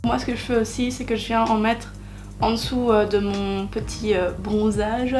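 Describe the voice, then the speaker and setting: A woman's voice: fairly high pitch, fairly even intonation, normal speed, a little mellow, faint music behind. A young woman talking through a makeup tutorial in a chatty way, with many hesitations and self-deprecating asides. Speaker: beauty vlogger.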